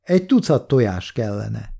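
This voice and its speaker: A man's voice: lowish voice, very animated, gravelly, mellow, husky, full character voice. A man reading an audiobook, voicing a cocky young soldier who banters and teases. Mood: teasing. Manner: breezy, teasing banter. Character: cocky young male soldier, joking and brash. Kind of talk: audiobook character voice.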